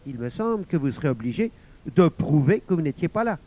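A man's voice: a little high, very animated, brisk, dark tone, dull audio. A man voicing a furious, blustering adult bank director. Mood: stern.

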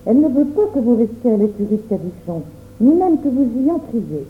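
A woman's voice: a little high, big pitch swings, brisk, a little hiss or hum. A woman voicing a courteous, formal chambermaid in a storybook reading. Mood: polite. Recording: tinny phone-like audio.

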